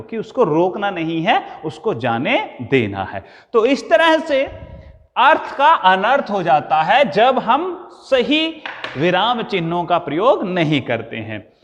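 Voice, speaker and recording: A male teacher giving a grammar lesson to a class, dictating his points slowly, word by word. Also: high voice, long reverb tail, dull audio.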